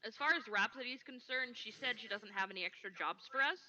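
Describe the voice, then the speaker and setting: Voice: medium pitch, fast talker, sharp tone, highs cut off. A player in a tabletop game, chatting casually and teasing others with playful in-character quips. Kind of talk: casual tabletop role-play.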